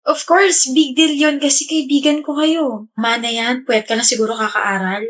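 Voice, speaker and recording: A woman's voice: sits high, steady tone, normal speed, a bit bright. A woman acting out a school skit, chatting and bantering among friends. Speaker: skit actor. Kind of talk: scripted school skit dialogue.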